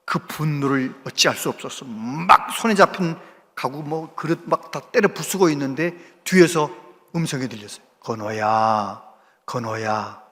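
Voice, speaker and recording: A man's voice: on the high side, normal speed, pushed and bright. A male pastor preaching a sermon, telling a story with a voice that climbs and drops sharply. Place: large church sanctuary. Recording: church hall reverb.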